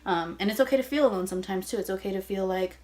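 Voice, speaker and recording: A young woman in her mid-twenties talks casually to camera while doing her makeup in her childhood bedroom. She sounds slightly out of breath and rambles loosely, filling pauses with fillers. Her voice sits at an ordinary middle pitch for a woman. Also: a little mellow. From Texas, USA. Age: 20s. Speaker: beauty vlogger. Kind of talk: get-ready-with-me vlog chat. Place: her old bedroom at home.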